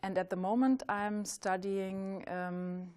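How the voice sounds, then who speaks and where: A woman in her forties from Germany introduces herself carefully, with small hesitations. Her voice sits at a middle pitch. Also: steady tone, takes it slowly, a little mellow, clean tone. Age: 40s. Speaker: interviewee.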